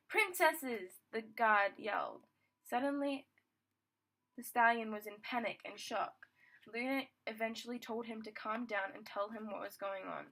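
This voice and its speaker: Bright-voiced young woman reading fan fiction. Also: a little high, rough recording. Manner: stumbling, rereads words, restarts sentences. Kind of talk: casual story reading aloud.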